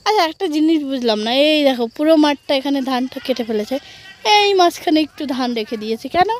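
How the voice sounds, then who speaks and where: A hoarse woman vlogging outdoors in farm fields, chatting playfully to viewers with teasing mock complaints. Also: high voice, animated, fast talker, slight background noise. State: hoarse from a cold. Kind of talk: casual vlog chat to viewers.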